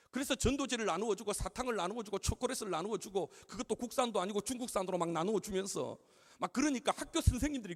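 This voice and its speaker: A man's voice: high voice, creaky. A middle-aged man preaching a sermon, telling stories with comic acted-out dialogue. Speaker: pastor. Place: large seminary chapel. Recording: long hall reverb in a chapel.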